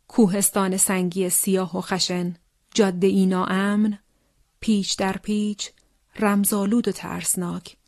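A woman narrates a grim wartime account in a solemn, measured read. Her voice sits at an ordinary middle pitch and keeps dropping into hushed, breathy whispers. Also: dry recording, clean studio sound. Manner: solemn, slow, often sinks to a hushed whisper. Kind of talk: scripted narration of a wartime testimony.

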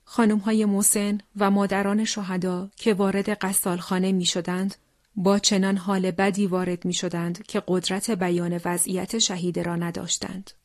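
A woman narrates a grim wartime account in a solemn, measured read. Her voice sits at an ordinary middle pitch and keeps dropping into hushed, breathy whispers. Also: flat delivery, no echo, clean studio sound. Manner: solemn, slow, often sinks to a hushed whisper. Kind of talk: scripted narration of a wartime testimony.

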